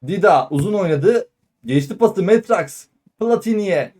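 A man giving live football play-by-play in clipped phrases, calling out player names and shouting excitedly at goals and shots. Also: high-pitched, measured pace. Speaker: football commentator. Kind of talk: live play-by-play match commentary.

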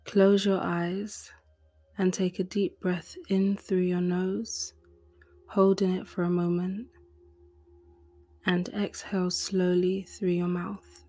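Speaking in a hushed, breathy voice, a woman guides a meditation from a script. She goes very slowly and evenly, her pitch barely rising or falling, while soft music plays beneath her soothing words.

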